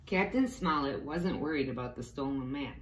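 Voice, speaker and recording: In a rumbling low voice, a woman reads a storybook aloud to young children, animated and at a moderate pace. She reads expressively, adding little explanatory asides, in an echoey room with faint background noise.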